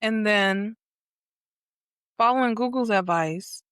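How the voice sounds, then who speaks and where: A woman's voice: medium pitch, slow, a bit bright, clean tone, dry recording, clean studio sound. A woman hosting a podcast interview, asking probing follow-up questions and affirming often. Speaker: podcast host. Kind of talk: conversational interview.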